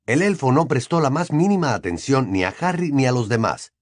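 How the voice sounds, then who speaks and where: A man narrating an audiobook with an expressive storytelling delivery. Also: medium pitch, brisk, dry recording, clean studio sound. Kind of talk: scripted narration.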